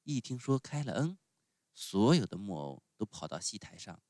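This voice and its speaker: A man reads a children's storybook aloud, animated and expressive, his pitch rising and falling freely. He slips in small filler sounds as he goes. The recording is dry and close, made at home. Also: normal speed, no room sound. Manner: lively expressive reading with frequent "uh" fillers. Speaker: parent reading bedtime stories. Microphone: home recording, close mic.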